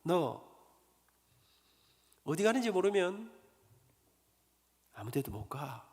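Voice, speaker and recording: A man's voice: high voice, big pitch swings, slow pace, darkish tone, long reverb tail, heavily acted. A man voicing a sly cat who mocks a lost girl. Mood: mocking. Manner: mocking, teasing.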